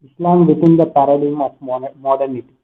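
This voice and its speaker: A young male student answers his professor in halting phrases during an online class. His voice is a little high. It comes through thin and tinny, like a phone line. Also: fairly even intonation. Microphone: video call. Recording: tinny call audio.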